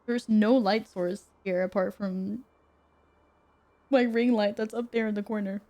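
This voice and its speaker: A young Swedish woman chats casually with her stream viewers from her apartment, reading their messages aloud and laughing often. Her medium-pitched voice is steady, warm, and unhurried.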